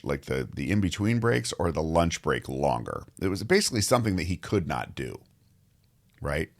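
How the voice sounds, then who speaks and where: A man in his fifties hosting a daily show, his voice hoarse, distorted and gravelly from a cold as he tells stories in a rambling, conversational way. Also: sits low. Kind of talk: solo podcast monologue.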